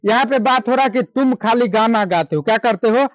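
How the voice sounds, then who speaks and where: A man's voice: very high-pitched, dry recording, lo-fi sound. A male teacher with a Bihar accent giving a classroom grammar lesson, quizzing the class with questions and repeating the answers. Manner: drawn-out slow English examples.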